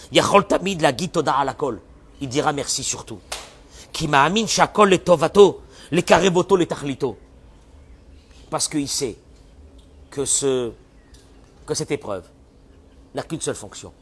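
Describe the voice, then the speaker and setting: A man giving a sermon as a rabbi, animated, often acting out the voices of people who complain. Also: medium pitch, slightly rough.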